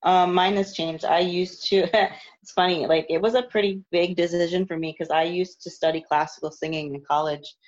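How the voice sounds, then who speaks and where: At a normal speed with few pauses and fairly even intonation, a young competitive lifter chats in a loose phone interview, filled with fillers and restarts. Her voice has lost its upper register and is no longer high, heard through muffled phone-call audio.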